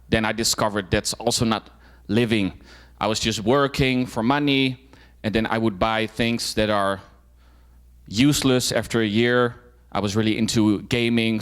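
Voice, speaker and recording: A young man from the Netherlands, his voice fairly low, a bit bright and smooth, tells a club audience about his own life as a guest speaker. He keeps it informal, frequently using fillers and starting sentences over.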